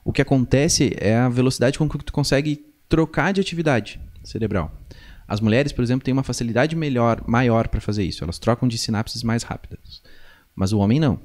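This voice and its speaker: Brisk and medium-pitched with a slightly mellow quality, this young singing teacher with a southern Brazilian accent guests on a podcast in a small indoor studio. He explains things conversationally, adding quick check-in questions to his points, speaking close to a boom-arm microphone.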